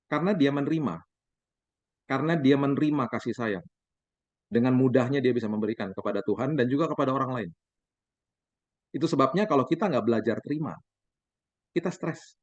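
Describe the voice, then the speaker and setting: A man in his forties, a pastor, preaching a sermon as lively stories, acting out the dialogue for the congregation. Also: medium pitch, no room sound. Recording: dull, dry sound.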